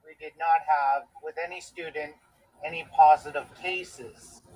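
A man's voice: on the high side, fairly even intonation, unhurried, darkish tone. A man calling in on speakerphone, his voice tinny like a pocket transistor radio, explaining things plainly as a school bus driver in casual chat. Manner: plain, matter-of-fact explaining with hesitant fillers. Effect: tinny, like a transistor radio over a speakerphone.

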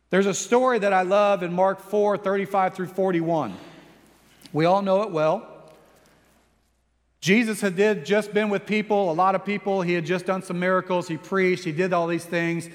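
A male pastor preaching a sermon, telling a story with animated delivery and acting out quoted lines. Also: high-pitched, long reverb tail.

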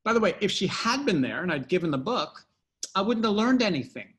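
A man's voice: high-pitched, big pitch swings, a little fast, fairly bright tone. A middle-aged man telling a personal anecdote in a casual interview, rambling with fillers and restarts. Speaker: guest storyteller.

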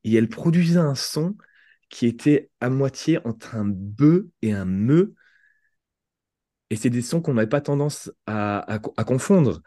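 A man's voice: mid-range voice, warm tone, no room sound, clean studio sound. A French man speaking as a podcast guest, explaining thoughtfully with examples and frequent restarts. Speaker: podcast guest, language entrepreneur. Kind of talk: conversational interview.

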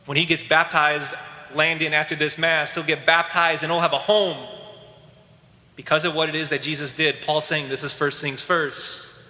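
Earnest priest, bright voice in a church. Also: male voice, fairly high pitch, steady tone, normal speed, echoey room, in a large hall. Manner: storytelling, earnest and emotional. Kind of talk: sermon.

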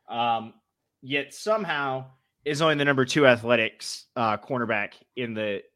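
New England man with a bright, forceful voice. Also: mid-range voice, moderate pace, dry recording. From New England, United States. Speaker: sports show co-host. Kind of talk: casual sports talk.

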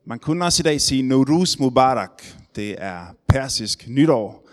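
A man opening a church service with a welcome, friendly and unhurried, with a few hesitations. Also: mid-range voice, animated. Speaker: pastor welcoming the congregation.

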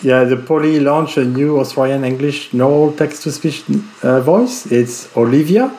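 A man with a mid-pitched voice co-hosts a casual tech podcast. He hesitates often, filling gaps with ums and uhs. His speech stays relaxed and conversational. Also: moderate pace. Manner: hesitant, many fillers. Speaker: podcast co-host.

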